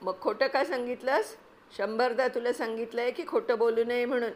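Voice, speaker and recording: A strict village father with a sharp, demanding way of speaking, raised and loud, as a woman reads him. The reading is storybook-style over a faint hiss. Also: a little high, fairly even intonation, normal speed, voice pushed up, lightly acted. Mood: angry. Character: angry, then gentle village father.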